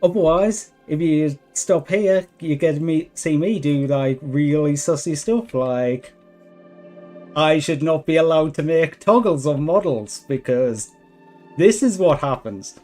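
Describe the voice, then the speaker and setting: A man's voice: fairly high pitch, a little slow, a little mellow, soft background music. A man streaming a video game, chatting casually in a self-deprecating way. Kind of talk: casual livestream chat while gaming.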